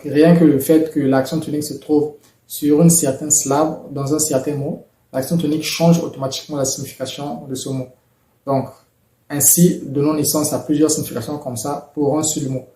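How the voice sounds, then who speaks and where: A man explaining pronunciation rules in a measured, methodical lesson, with occasional fillers. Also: on the high side, level tone, dark tone, roomy sound. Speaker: language teacher.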